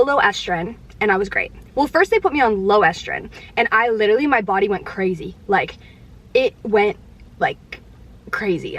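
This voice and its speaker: A woman's voice: a little high, fairly bright tone. A young adult woman chatting candidly with viewers while eating, filling her talk with "like". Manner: chatty and candid, heavy use of "like"; talks while eating, sometimes with mouth full. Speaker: vlogger answering viewer questions. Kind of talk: casual chat.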